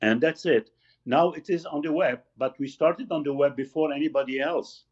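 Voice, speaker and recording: A man in his sixties from Lebanon, talks as an interview guest, pausing often and searching for words. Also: on the high side, a little mellow. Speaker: magazine founder, guest. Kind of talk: casual interview talk. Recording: slightly dull lo-fi audio.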